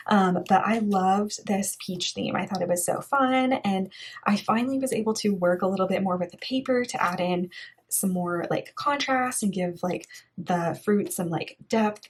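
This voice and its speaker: A young woman from Bulgaria who talks through her bullet journal pages in a relaxed, chatty voice-over full of "like" and "yeah". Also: medium pitch, breathy edge. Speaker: art vlogger. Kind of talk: casual voice-over flip-through.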